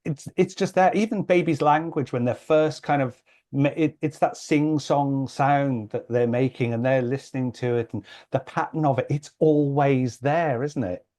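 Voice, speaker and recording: A man hosting a podcast, with a voice of middling pitch. He talks in a loose, chatty way, restarting and repeating words as he works out his thoughts. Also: moderate pace, mellow. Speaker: podcast host. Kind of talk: podcast interview.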